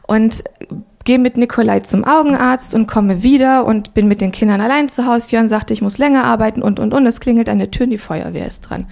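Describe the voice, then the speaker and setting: A woman's voice: a little high, creaky, warm tone. A woman in her thirties preaching in church, telling a personal testimony and acting out the voices she quotes. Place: church stage.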